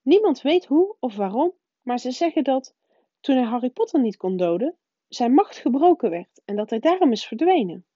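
A woman reading aloud voices a stern older female professor who talks in a high, urgent, faltering way. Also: sing-song, normal speed, warm tone, no room sound. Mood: shaken, tearful. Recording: dull, dry lo-fi recording.

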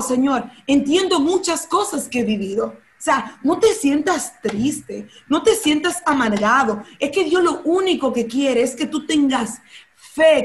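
Fervent high-voiced woman preaching. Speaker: guest speaker.

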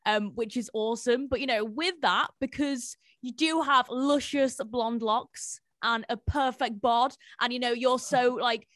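A woman with a fairly high voice hosts a casual interview. Her sound is dry, with no room echo. She speaks informally, with plenty of slang. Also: unhurried, few pauses, a bit bright. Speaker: interview show host.

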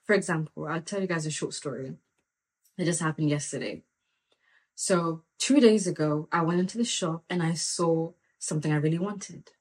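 Woman mentor chatting about faith, kinda low voice, earnest, lots of "like". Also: normal speed, poor audio. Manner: earnest and animated, full of "like" and "come on". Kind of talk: casual faith talk with personal story.

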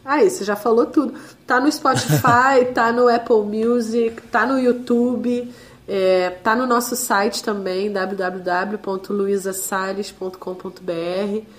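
A Brazilian Portuguese-speaking woman giving a conversational interview, her voice hoarse and duck-like as she recovers from laryngitis. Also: mid-range voice, fairly even intonation, a little slow. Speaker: interviewee, independent musician.

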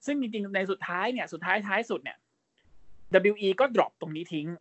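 A man in his thirties rattles along at a rapid clip as he co-hosts a laid-back podcast. He's brash and animated, swears without a second thought and tosses in quick mocking impressions, all captured close and dry with no room sound. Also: high-pitched, no room sound. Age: 30s. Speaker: podcast co-host. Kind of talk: casual podcast chat.

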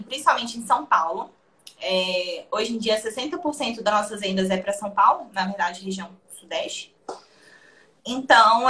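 Chatty young Brazilian woman telling a story. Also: fairly high pitch. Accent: Brazilian Portuguese. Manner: lively, laughs often, acts out quoted dialogue. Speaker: interview guest. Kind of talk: casual storytelling chat.

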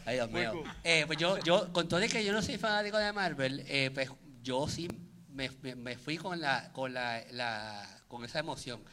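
Male co-host, bright tone, lively storyteller with many restarts. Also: medium pitch, moderate pace, few pauses, slight background noise. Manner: animated, acts out his own reactions, many restarts. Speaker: podcast co-host. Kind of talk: casual chat.

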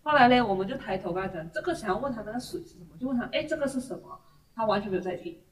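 A woman chatting casually, telling stories in an animated way. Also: mid-range voice, rapid-fire. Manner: animated storyteller who acts out quotes. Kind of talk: casual chat. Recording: distant mic, roomy.

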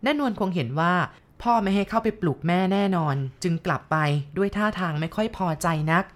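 Calm woman reading a ghost story. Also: medium pitch, fairly quick. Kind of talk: scripted ghost story narration.

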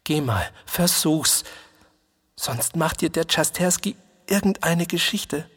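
A man reading a storybook voices a kind, helpful young boy cadet who talks to a friend in a gentle, coaxing way. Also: fairly high pitch, animated, slow, husky, voice pushed up, full character voice. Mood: urging.

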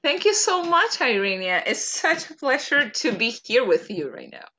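A Venezuelan woman, a native Spanish speaker with a Venezuelan accent, answers conversational interview questions as a podcast guest; she works as a LinkedIn coach. Her high, sing-song voice moves at a moderate pace over loud music.

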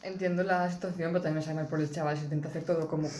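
A woman from in casual chat, telling a story in a measured way. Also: low voice, fairly even intonation, darkish tone. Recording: roomy echo.

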